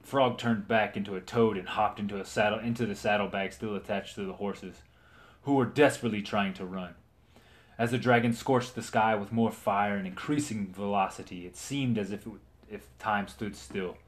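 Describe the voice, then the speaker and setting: A man's voice: lowish voice, a little fast. A man reading a fantasy story aloud dramatically, stumbling and restarting now and then.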